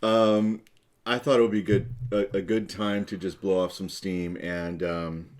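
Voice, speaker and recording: A man co-hosting a casual live-stream chat show, playful and quick to laugh. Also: low voice. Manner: playful, laughs often, animated. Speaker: co-host.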